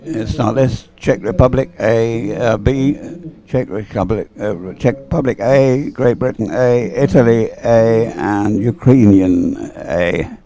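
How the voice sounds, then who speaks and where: Outdoors beside the water at a regatta, a race commentator with a dark, mid-range voice gives unscripted live sports commentary. He speaks slowly with hardly any pauses, rambling hesitantly in a conversational way.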